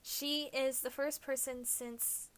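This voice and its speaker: A young woman co-hosting a casual podcast, gushing about music like an excited fan. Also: sits high, slow, crowd noise. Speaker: podcast co-host. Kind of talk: casual chat.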